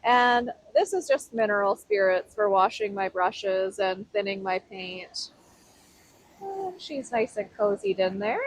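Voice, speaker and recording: A woman's voice: a little high, very animated, a little slow, gravelly. A woman painting outdoors by a waterfall, chatting through each step of her work. Her voice comes through a noise-canceling mic that makes it sound like she is talking into a tin can. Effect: muffled tin-can sound from a noise-canceling mic. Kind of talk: casual painting tutorial.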